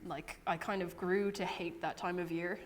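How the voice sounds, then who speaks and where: A woman's voice: on the low side, steady tone, moderate pace, in a large hall, a little hiss or hum. A twenty-one-year-old woman speaking candidly with some hesitation in a documentary interview. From Ireland.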